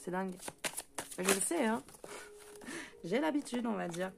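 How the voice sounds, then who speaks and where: A French-accented woman giving an intuitive card reading, her voice pitched at an ordinary middle height. She rushes her words, stumbles and restarts, and leans on hesitant fillers as she goes. Faint noise sits under her voice. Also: expressive, creaky. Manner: talks fast and stumbles, many hesitant fillers. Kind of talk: spoken card reading for viewers.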